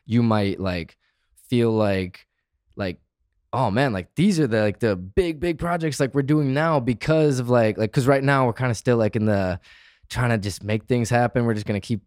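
A man's voice: medium pitch, moderate pace, a little mellow, no room sound, clean studio sound. A man hosting a podcast in casual chat, laid-back and full of slang. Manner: laid-back, heavy on slang like bro and dude. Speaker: podcast host.

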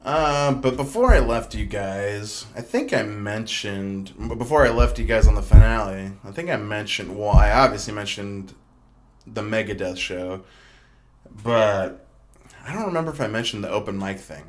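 A man's voice: on the low side, normal speed. A young man hosting his own podcast, talking casually in a rambling, chatty way full of fillers and restarts. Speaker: podcast host. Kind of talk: casual solo podcast monologue.

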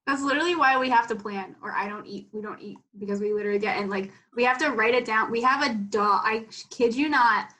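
Bright-voiced young woman, frank and relaxed. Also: a little high, fast, few pauses. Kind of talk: casual chat.

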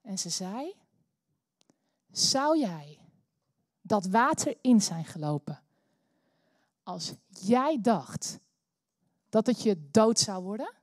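A Dutch woman preaching a sermon in church, telling a story with animated bursts of energy. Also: medium pitch, slow pace, long pauses, no echo, clean studio sound. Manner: animated, bursts into loud cheering when acting out the story. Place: church hall.

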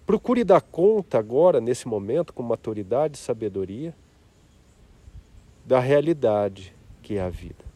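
Man, guided meditation, soft-spoken, reflective, very slow pace, warm mellow tone. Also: mid-range voice, very animated.

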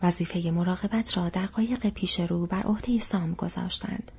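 A woman reading a novel in steady whispered audiobook narration, her voice very breathy and airy. The recording sounds dull and lo-fi. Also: lowish voice.

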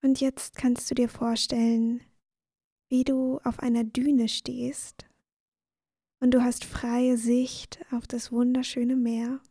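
A woman narrating a guided bedtime sleep meditation in a soothing, gentle, breathy voice that often nears a whisper. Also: on the high side, little pitch movement, slow, no room sound, clean studio sound. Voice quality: breathy, soft.

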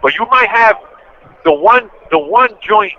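A man's voice: high-pitched, animated, a little slow. A man calling in on a prison phone line to a podcast, talking in blunt street slang and rambling through complaints. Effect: on a prison phone call. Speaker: inmate calling in. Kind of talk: casual phone chat. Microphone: prison payphone handset. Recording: muffled prison phone line, faint hiss.

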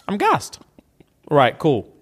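Animated young man, London roadman accent. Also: fairly high pitch, extremely slow, husky. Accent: London, urban roadman slang. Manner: animated London roadman talk, slangy and jokey. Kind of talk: casual banter, reading out online comments.

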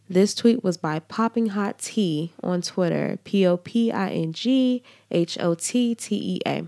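A woman hosting a solo podcast with a congested, stuffy-nosed voice, speaking in an earnest, measured, scripted way. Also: on the low side, dark tone, dry recording, studio quality. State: congested from allergies, trouble breathing. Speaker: podcast host.

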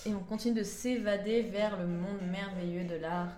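A woman's voice: mid-range voice, steady tone, moderate pace, mellow. Female co-host, teasing banter; echoey room. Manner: playful, teasing. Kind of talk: casual chat. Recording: roomy echo with music.

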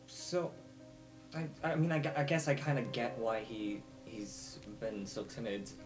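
A player in a tabletop game, thinking out loud in a slightly hesitant way. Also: medium pitch, expressive, a little slow, over music. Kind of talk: casual tabletop game play.

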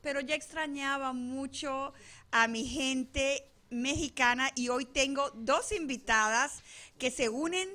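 Bright high-voiced woman radio host. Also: slow pace. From Venezuela. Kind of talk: casual studio chat. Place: radio studio.

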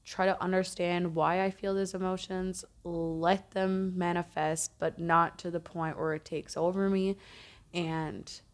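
Casting: woman podcast host, slightly low voice, earnest and reflective, casual solo talk. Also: flat delivery, measured pace. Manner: reflective, earnest, self-correcting.

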